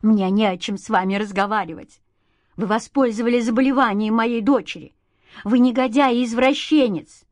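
A woman reading an audiobook, voicing a strict, sharp-tongued schoolteacher mother who talks at people loudly. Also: on the high side, normal speed, no room sound, close to an everyday voice. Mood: indignant. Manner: sharp, hectoring and loud. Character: strict middle-aged provincial schoolteacher mother.

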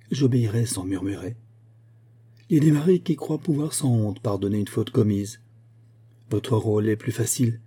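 A man's voice: mid-range voice, warm tone, slightly rough, lightly acted. A man voicing a remorseful young noblewoman who pleads earnestly with her husband in an audiobook reading.

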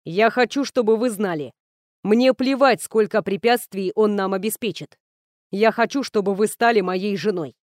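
A woman reading an audiobook, voicing a composed young male noble master in a level, steady tone. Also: mid-range voice, normal speed, dry recording, clean studio sound, close to an everyday voice. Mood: resolute. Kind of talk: audiobook character voice.

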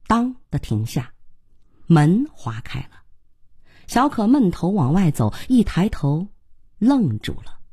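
A woman narrating a novel as an audiobook, in an expressive storytelling way. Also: on the low side, husky, dry recording, clean studio sound.

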